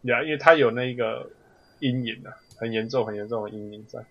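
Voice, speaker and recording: A man's voice: mid-range voice, fairly quick, dull audio. A man chatting casually about sports as a co-host, often slipping into English. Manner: code-switches between Mandarin and English.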